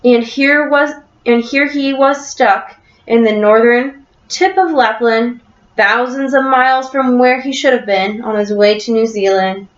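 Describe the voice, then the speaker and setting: A woman teacher reading a story aloud in class and encouraging a student with quick questions, recorded on a computer webcam in a classroom. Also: a little high. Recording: echoey room, dull lo-fi sound.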